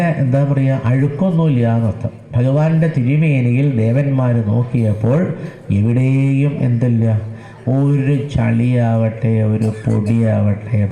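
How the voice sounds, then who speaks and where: A man giving a devotional discourse at a temple. He asks his listeners questions and answers them himself, chants verses slowly and repeats words for emphasis. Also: mid-range voice, warm tone. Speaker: religious discourse speaker. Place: temple gathering. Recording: echoey temple hall.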